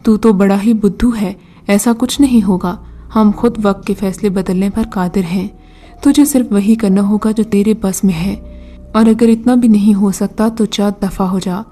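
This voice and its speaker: A woman's voice: medium pitch, fairly even intonation, warm tone, soft background music, lightly acted. Woman reading as a scornful old jinn. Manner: taunting, brusque commands. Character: mocking old male jinn, scornful, commanding.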